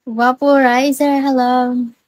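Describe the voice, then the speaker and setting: A woman's voice: high voice, flat delivery, slow pace, a little mellow, dry recording. A Filipino woman live streamer with missing front teeth, chatting casually and playfully with her viewers. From Philippines. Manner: teasing, playful banter.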